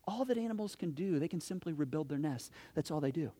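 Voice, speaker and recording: A man preaching a sermon as pastor in a church, animated, asking many rhetorical questions and swinging from loud to hushed. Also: on the high side, fast talker.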